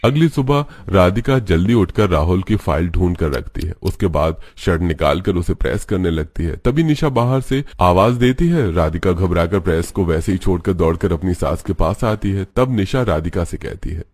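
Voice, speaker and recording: Low-voiced man narrating a cartoon story. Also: moderate pace, hardly any pauses, dry recording. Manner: steady, plain storytelling.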